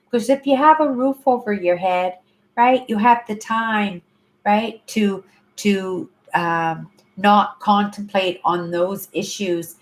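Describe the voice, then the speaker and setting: A Canadian woman in her fifties hosts a livestream from her apartment, chatting casually with viewers in a slow, medium-pitched voice. She rambles, repeats herself, and ends sentences with "right?" The recording is rough.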